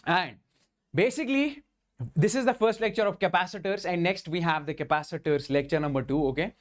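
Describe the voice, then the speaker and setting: A man with a Kashmiri Indian accent speaks in a fairly high voice as a physics teacher running a live class. He addresses his students directly and keeps checking that they follow. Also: brisk. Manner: repeatedly checks in with okay and understand.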